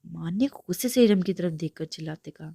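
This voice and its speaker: A woman reading a romance novel aloud in an expressive storytelling manner, shifting into character voices. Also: lowish voice, vocal fry, husky, no echo, clean studio sound. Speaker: narrator.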